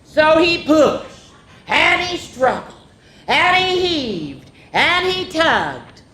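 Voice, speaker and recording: Bright, pushed, and very animated, a woman reads a picture book at an extremely slow pace for a children's story time. She draws out words expressively and throws in casual asides, recorded in an echoey room with faint rumbling noise.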